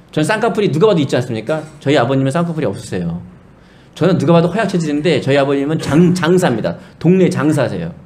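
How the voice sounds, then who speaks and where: Lively-voiced Korean preacher man. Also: on the high side, slight background noise. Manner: storytelling preacher, addresses congregation directly. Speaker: pastor. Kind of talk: sermon.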